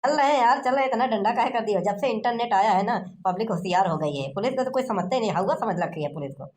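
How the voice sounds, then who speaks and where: An actor doing a gruff cartoon inspector. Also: medium pitch, animated, fast talker, a little mellow, lightly acted. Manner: bossy, curt, mocking. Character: gruff, lazy small-town police inspector. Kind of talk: cartoon comedy voice acting.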